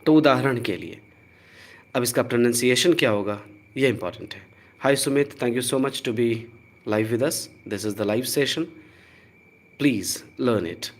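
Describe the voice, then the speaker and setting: A man's voice: mid-range voice, animated. A man with an Indian accent teaching a live online pronunciation lesson, spelling out letters and repeating each word with care. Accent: Indian English. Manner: slow, deliberate, spells out letters and repeats words. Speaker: English teacher.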